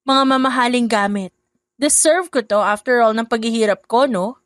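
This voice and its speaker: A spiteful stepmother in a narrated audio drama, bossy and scornful, as a woman puts her on. The voice sits a little high and sounds close and dry, with no room around it. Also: moderate pace, no room sound, lightly acted. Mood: smug. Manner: sharp, scornful, sugary when on calls. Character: scheming two-faced stepmother, sweet on phone.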